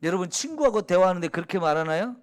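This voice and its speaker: High-voiced Korean pastor with a Chungcheong accent. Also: male voice, expressive, racing. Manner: conversational, asks the congregation questions and answers them; drops to a soft hush when quoting prayers. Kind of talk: sermon.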